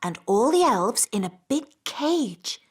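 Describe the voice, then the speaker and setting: A woman voicing a gentle fairy queen and mother in a children's cartoon, with a soft, patient storytelling manner. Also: on the high side, big pitch swings, slow, husky, heavily acted. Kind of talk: animated children's cartoon voice acting.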